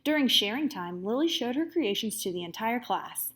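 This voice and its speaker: A woman reading a children's storybook aloud as a teacher would, with expressive, dramatic emphasis. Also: a little high, moderate pace.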